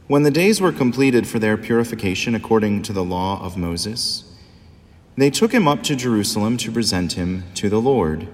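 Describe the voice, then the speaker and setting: A man, a priest, reading the Gospel and preaching a homily in a measured, solemn liturgical manner, his voice ringing with cathedral echo. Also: fairly low pitch. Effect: cathedral echo, long church reverb. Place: large church. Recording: long reverb in a large church.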